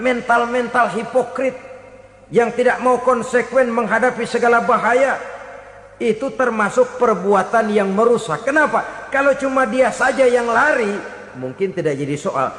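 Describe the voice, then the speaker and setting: Male preacher, high voice, animated sermon delivery, long reverb of a big hall. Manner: animated, mimics hypocrites in quoted asides.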